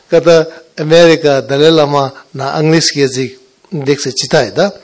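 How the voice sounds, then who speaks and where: A man with a foreign accent, not a native Russian speaker, giving a Buddhist teaching in halting, broken Russian and often checking that listeners understand. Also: a little high, fairly even intonation. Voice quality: broken Russian with wrong grammatical endings. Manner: halting, repetitive, often checking understanding with short tag questions. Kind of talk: spiritual teaching talk to students.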